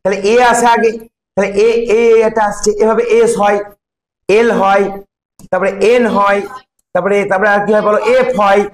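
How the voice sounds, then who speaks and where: A man's voice: high voice, steady tone, normal speed. A man with a Bengali accent teaching an English grammar lesson to a class, explaining step by step and asking students questions. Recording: echoey classroom.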